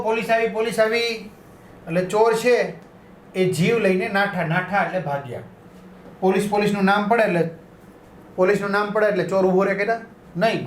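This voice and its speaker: A man's voice: sits high, slight background noise. A male teacher explaining a school lesson, repeating and rephrasing each line and checking in with his students. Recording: echoey room.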